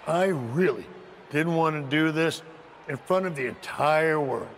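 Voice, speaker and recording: In a game cutscene, a male actor plays a scheming wrestling faction leader who is condescending, speaking with measured, stern gravel in his voice. The pitch is on the high side and slightly bright, with a little background noise. He delivers a scornful lecture.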